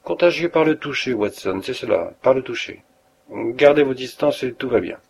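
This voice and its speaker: A man voicing a feverish, imperious dying detective who speaks hoarsely in a curt, commanding tone. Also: mid-range voice, animated, normal speed, slight background noise. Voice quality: hoarse, gasping.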